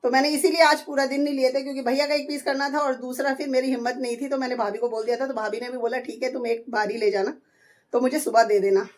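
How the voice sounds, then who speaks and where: A hoarse woman in her thirties chatting through a home vlog, describing her chores step by step. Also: high voice, fairly even intonation, fast, a little mellow. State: hoarse, voice going. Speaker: vlogger. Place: at home, indoors.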